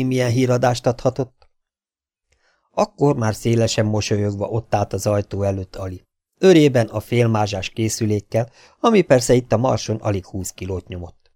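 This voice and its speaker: A man's voice: mid-range voice, dark tone, dry recording, clean studio sound. A man reading a science fiction audiobook aloud, lifting his voice to act out each character's quoted lines. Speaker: audiobook reader.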